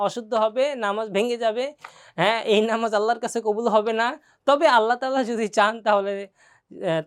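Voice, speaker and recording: A woman teaching Quran reading, repeating syllables slowly and quizzing her students as she explains. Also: fairly high pitch, smooth. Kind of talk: classroom lesson.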